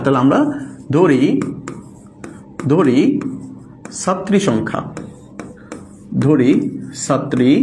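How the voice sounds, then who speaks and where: A man's voice: on the high side, a little mellow, slight background noise. A man teaching an online math lesson, patient, repeating each step and quizzing the class, mixing in English words. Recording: echoey room with faint ambience.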